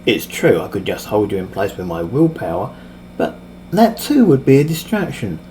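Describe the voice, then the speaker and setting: A man's voice: on the low side, huge pitch swings, moderate pace, mellow, slight background noise. A man voicing a smug, overpowered male villain mage who taunts his victims with casual cruelty. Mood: gloating. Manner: mocking, cocksure, casually cruel.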